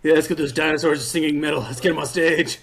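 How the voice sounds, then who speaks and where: Podcast co-host, male, a bit high-pitched; loose, rambling, laughs a lot, curses casually. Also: fairly even intonation, fast talker, vocal fry. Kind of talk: casual chat.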